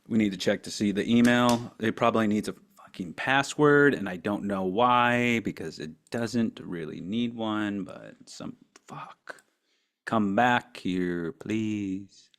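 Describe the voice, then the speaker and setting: A man's voice: on the low side, lively intonation, takes it slowly, a bit bright. A man hosting his own show, joking around and muttering to himself while setting up, with playful curses and announcer bits. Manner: jokey, self-mocking, mutters and curses while fiddling with gear. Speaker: podcast host. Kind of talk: rambling solo setup chat.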